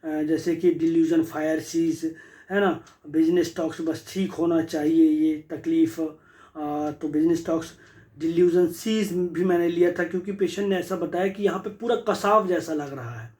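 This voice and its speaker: A man's voice: fairly high pitch, steady tone, a little slow, a little mellow, low-quality recording. A man presents a patient's case like a teacher. His talk moves back and forth between Hindi and English phrases, full of repeats and fillers as he reasons through each remedy. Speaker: homeopathy doctor.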